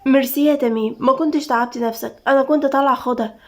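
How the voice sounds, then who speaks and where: A teasing, bored young woman with an Egyptian accent chats and coaxes in a spoken storybook, voiced by a woman. Her voice is bright and high and her pace quick. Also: steady tone. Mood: playful. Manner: playful, coaxing.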